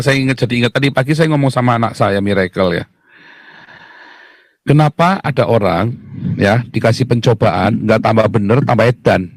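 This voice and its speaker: A middle-aged man telling his faith story in a preachy way, acting out prayers and dropping low and slow for emphasis. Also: no echo, studio quality. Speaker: guest sharing a faith testimony. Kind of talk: preachy personal testimony.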